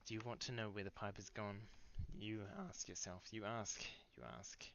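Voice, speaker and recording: A young man with a lowish voice delivers a mock-solemn comic monologue in grave, deadpan earnest tones, now and then breaking into a sudden loud outburst. The recording is dull and lo-fi, with muffled highs. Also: normal speed. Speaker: comedic monologue performer.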